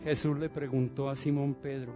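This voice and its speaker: In church, a male pastor preaches an animated, dramatic sermon, asking the congregation questions and having them repeat phrases. His voice is medium-pitched at a normal speed, and the lo-fi recording has music playing behind him.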